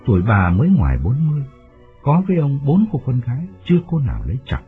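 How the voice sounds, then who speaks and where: A man narrating an audiobook story with expressive delivery, recorded with a tinny phone-like sound and faint music behind. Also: mid-range voice, fast talker.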